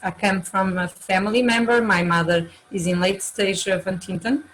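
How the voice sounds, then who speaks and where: A woman's voice: mid-range voice, fairly even intonation, moderate pace, fairly bright tone, a little hiss or hum, rough recording. A woman in her forties with a Portuguese accent, introducing herself as a webinar panelist on a video call and often hesitating as she searches for her words in English. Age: 40s.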